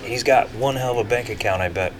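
A man co-hosting a podcast in casual chat, easygoing and quick to laugh. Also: medium pitch, slight background noise. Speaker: podcast co-host.

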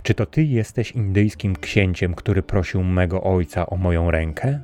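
A man voicing a gentle, wistful young princess in a soft, plain way. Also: sits low, moderate pace, faint music behind, close to an everyday voice.

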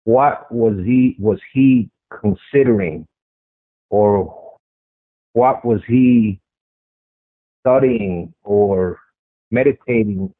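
Very slow and full of long pauses, a man with a strong, fairly low voice tells an interviewer, in the first person, about a sighting he personally experienced. He speaks conversationally and repeats phrases to emphasize them. There's no echo, but the line is tinny and phone-like, as on radio.

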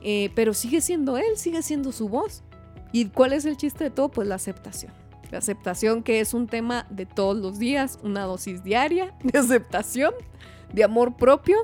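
A woman from Chihuahua, hosting a podcast in lively, slangy casual chat with faint music behind. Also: fairly high pitch. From Chihuahua, Mexico. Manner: chatty, animated, laughs often, slangy. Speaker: podcast host.

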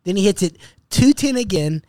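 High-voiced man telling a lively story. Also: moderate pace, no echo, clean studio sound. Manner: animated, profane, acts out quotes in a high voice. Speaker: podcast co-host telling a story. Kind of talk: casual storytelling.

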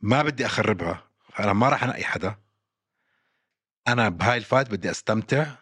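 A man's voice: fairly low pitch, expressive, quick pace, fairly bright tone, breathy edge, dry recording, clean studio sound. A man, co-hosting a casual sports podcast and emphatically repeating his points. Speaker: podcast co-host.

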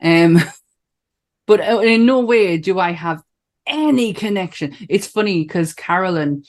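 A podcast co-host from northern England speaks with a northern accent in a fairly low, darkish, expressive voice at a measured pace. Her chat is enthusiastic and casual, full of swearing and frequent laughter.

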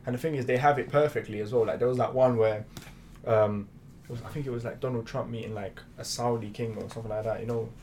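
A man's voice: medium pitch, fairly even intonation, quick pace, darkish tone. A young man with a London accent and urban roadman slang, chatting casually with friends. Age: young adult. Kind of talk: casual chat among friends. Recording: background noise.

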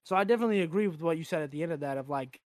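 A man's voice: on the high side, rapid-fire, dry recording, studio quality. A man in his twenties hosting a podcast, frank and casual, swearing freely. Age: 20s. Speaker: podcast host.

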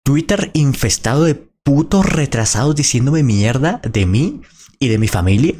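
A man's voice: mid-range voice, big pitch swings, a little slow, a little mellow. A man, a small content creator giving blunt, indignant reaction commentary with plenty of swearing.

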